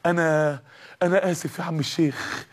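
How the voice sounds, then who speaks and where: A broken young Egyptian man pleads and stammers, with a husky voice that rushes ahead, as a male preacher voices him. His words trip over each other, and he repeats himself. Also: sits high, a bit bright, heavily acted. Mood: pleading. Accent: Egyptian Arabic.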